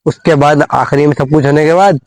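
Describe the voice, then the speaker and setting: A man's voice: a little high, fairly even intonation, brisk, darkish tone, no room sound, low-quality recording. A young man telling a school story on a phone in a casual comic vlog, rambling with many fillers and repeated phrases. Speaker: vlogger.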